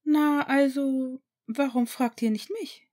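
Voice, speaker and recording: Perky, higher-pitched woman, friendly and upbeat, as a narrator puts her on. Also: fairly even intonation, slow, darkish tone. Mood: cheerful. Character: cheerful generous woman friend, adult.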